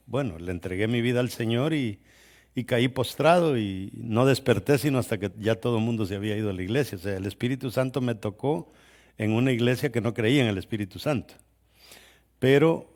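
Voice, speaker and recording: A man's voice: lowish voice, darkish tone. A middle-aged man from El Salvador, a guest pastor telling his life story in a sermon with a conversational manner and frequent restarts. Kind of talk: sermon testimony.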